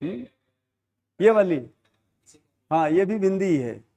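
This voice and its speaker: A man's voice: high voice, lively intonation, slow pace, creaky, mellow, dull audio. A middle-aged man teaching a Hindi grammar class, explaining points and repeating key terms as questions and answers. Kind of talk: classroom lecture.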